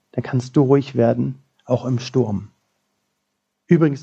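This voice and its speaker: Male preacher, fairly high pitch with a gravelly edge, earnest storytelling sermon, dull lo-fi church recording. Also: dark tone. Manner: earnest storytelling with quoted prayers.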